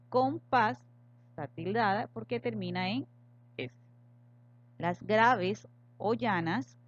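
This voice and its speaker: A woman teacher giving a recorded grammar lesson, patiently spelling out example words slowly and with stress. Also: medium pitch. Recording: slightly dull lo-fi audio with faint hum.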